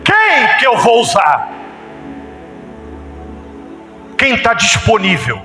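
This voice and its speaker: Brazilian preacher doing God shouting for volunteers: loud, high, demanding, echoey church. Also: male voice, sing-song, moderate pace, heavily acted. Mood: calling out. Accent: Brazilian Portuguese. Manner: shouting, pleading rhetorical questions. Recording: echoey church hall with music.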